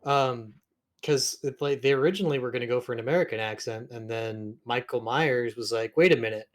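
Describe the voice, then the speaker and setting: A man's voice: medium pitch, fairly even intonation, brisk. A man riffing and rambling casually about a fantasy world on a live stream, swearing freely. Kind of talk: casual chat.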